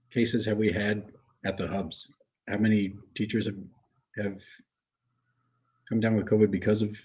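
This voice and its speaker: Man, board trustee, husky voice, monotone, questioning with repeated words. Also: lowish voice, low-quality recording. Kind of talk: board meeting discussion.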